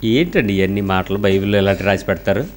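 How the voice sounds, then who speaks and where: A man's voice: deep voice, quick pace, slight background noise. A man preaching a sermon as pastor, firing rhetorical questions at the congregation and mixing in English words.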